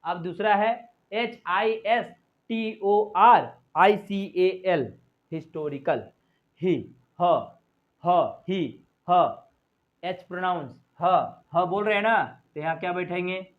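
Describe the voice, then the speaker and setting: A man gives an English lesson in a slightly high voice. He repeats words and single sounds over and over to drill pronunciation. The audio is narrow and tinny, like a phone line. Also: slow. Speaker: English teacher. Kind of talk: classroom-style grammar lesson.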